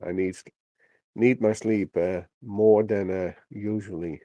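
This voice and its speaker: Slow, halting man with a mellow voice. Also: lowish voice, fairly even intonation, no echo, lo-fi sound. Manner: halting, brief.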